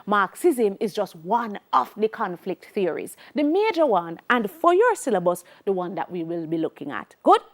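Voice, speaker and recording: Lively Jamaican woman teaching sociology. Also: medium pitch, normal speed, few pauses. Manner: emphatic, repeats key points, switches into Jamaican Creole. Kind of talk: televised classroom lesson.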